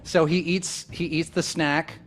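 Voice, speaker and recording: A man's voice: fairly high pitch, flat delivery, measured pace, a little hiss or hum. A man chatting casually as a tabletop role-player, jokey and sweary, acting out his character as he goes. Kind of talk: casual game chat.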